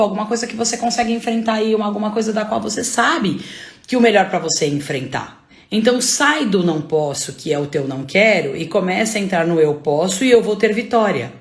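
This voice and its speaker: A Brazilian woman in her thirties delivers a faith-based motivational talk in an emphatic, insistent way, circling back to the same phrases and rhetorical questions. Her voice sits at an ordinary pitch for a woman. It rings with the echo of a roomy space. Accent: Brazilian Portuguese.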